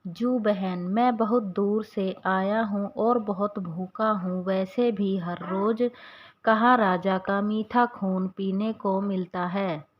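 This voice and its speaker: Woman doing a hungry male bedbug, soft pleading tone, storybook, slightly muffled sound. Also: mid-range voice, steady tone, takes it slowly.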